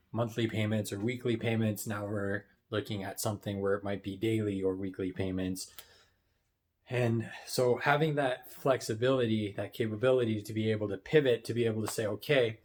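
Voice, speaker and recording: A man, a business financing coach, talking casually to camera, often tagging "right?" and clearing his throat while wearing headphones. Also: on the low side. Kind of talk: casual motivational talk to camera.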